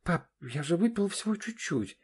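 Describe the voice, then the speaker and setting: A sulky, tearful teenage daughter, as a man reads her in an audiobook. Her high, whiny voice sits well above the reader's own. She is plainly a put-on voice inside a read story. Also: big pitch swings, normal speed, breathy edge, full character voice. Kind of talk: audiobook reading.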